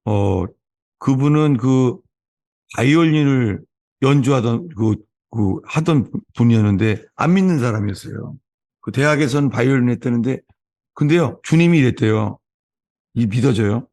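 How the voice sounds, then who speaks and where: Korean pastor telling sermon anecdotes. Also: male voice, mid-range voice, expressive, normal speed, a little mellow. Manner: storytelling, acts out quoted voices. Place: church sanctuary.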